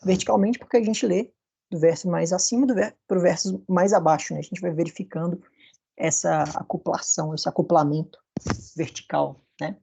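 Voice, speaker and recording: A man's voice: high-pitched, steady tone, normal speed, gravelly, dark tone, husky. A man with a Brazilian Portuguese accent giving a recorded university lecture over slides, explaining patiently and often checking in with his students.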